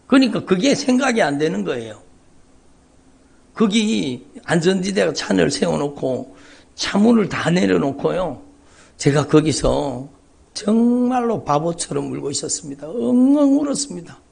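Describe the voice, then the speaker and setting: Man, pastor, emotional sermon testimony, very gravelly, raspy. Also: on the high side, very animated, a little slow. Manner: dramatic storytelling with swings between loud cries and hushed whispers. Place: large church sanctuary.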